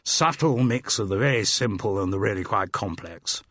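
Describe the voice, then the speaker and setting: In a clean, dry studio audiobook recording, a man voices a chubby, hearty cricket enthusiast of about sixty with a bluff English public school accent, guffawing and blustering with chummy tag questions. His delivery is low-ish, fairly bright, expressive, and at normal speed.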